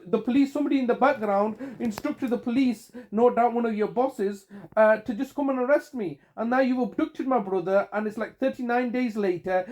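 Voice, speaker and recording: High-voiced man leaving an aggrieved voicemail. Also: a little mellow. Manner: aggrieved and accusatory, with frequent restarts. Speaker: caller. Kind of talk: long spoken voicemail.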